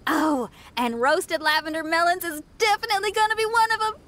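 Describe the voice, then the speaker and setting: In video game character dialogue, a woman voices an upbeat, friendly young female rock musician. She speaks casually and colloquially with warm enthusiasm, in a very high-pitched voice at a slightly fast pace, and there is a little hiss or hum.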